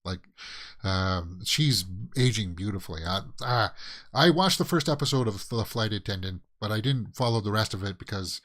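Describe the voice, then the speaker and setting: A man's voice: lowish voice, lively intonation, normal speed, fairly bright tone. A Canadian man hosting a casual movie news show, rambling through headlines with plenty of fillers and restarts. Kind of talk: casual solo commentary.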